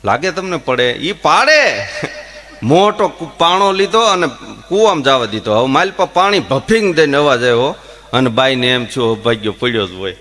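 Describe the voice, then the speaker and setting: A man's voice: a little high, moderate pace. A man telling folk comedy stories, acting out voices and stammers. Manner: animated, acts out voices and stammers in jokes. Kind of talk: Gujarati folk comedy storytelling.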